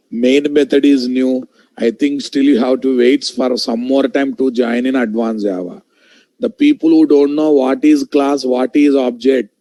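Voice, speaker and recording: A man's voice: mid-range voice, vocal fry, dark tone, dry recording, low-quality recording. A man with a Telugu Indian accent teaches a live online programming class, repeating key phrases and often checking in with direct questions to his students. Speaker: programming instructor. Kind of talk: live online coding lesson.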